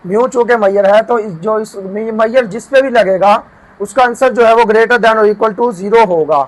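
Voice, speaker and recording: A man teaching math, walking through a proof and slowing down to dictate each formula term by term. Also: high-pitched, low-quality recording. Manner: often checks in with "theek hai". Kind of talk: lecture explaining a proof.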